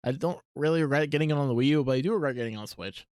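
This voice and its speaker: A man in casual live-stream chat, musing aloud with plenty of ums and likes. His voice sits at an ordinary middle pitch. The sound is close and dry, with no room echo. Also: very fast, darkish tone, clear, resonant tone. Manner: rambling, thinking aloud with many ums and likes.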